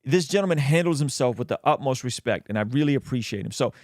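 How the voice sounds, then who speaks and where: Man, commentary host, casual and emphatic, animated intonation, dry close sound. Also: medium pitch, fast talker, no room sound. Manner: colloquial, emphatic, opinionated. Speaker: host of a reaction show. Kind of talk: casual video commentary with Bible reading.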